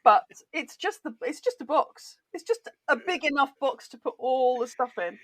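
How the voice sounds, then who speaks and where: An enthusiastic British woman chats easily as a podcast guest, talking through games with warmth and quick laughs. Her voice sits a little high, recorded dry and close. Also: expressive, no echo. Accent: British English. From Britain. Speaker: guest, board game author. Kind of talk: casual interview chat.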